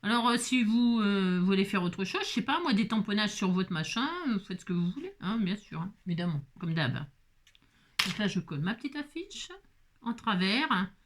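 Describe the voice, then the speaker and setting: Presenting a casual craft tutorial, a woman from France talks to herself as she goes, jokes around and laughs often. Her mid-range voice is animated and moves at a normal speed, with slight background noise in the recording.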